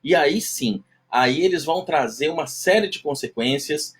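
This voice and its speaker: Man, husky and nasal, casual live-stream teacher. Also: a little high, expressive, normal speed. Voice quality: nasal, self-described duck-like voice. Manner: chatty, greets viewers by name, often tags "né?". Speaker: live-stream host teaching self-knowledge.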